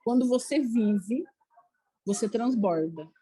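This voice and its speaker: Brief: woman, study-group leader, husky and fairly high voice, animated, chatty, acts out small exchanges. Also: takes it slowly, no echo, rough recording. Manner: animated, acts out little dialogues, says "né, gente?" a lot. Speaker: spiritist study group speaker. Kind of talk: casual study talk.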